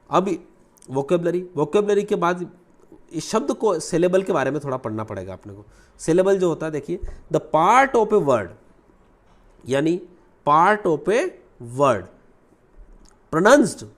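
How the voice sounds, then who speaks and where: A man teaching English grammar in Hindi, mixing in English terms and repeating key words slowly. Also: a little high. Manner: lively teacherly delivery, asks and answers own questions.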